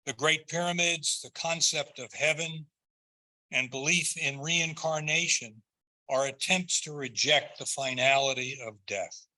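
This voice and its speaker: An older man delivers a prepared eulogy in a measured, earnest and tender way, phrase by phrase. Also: a little high, bright, forceful tone, rough recording.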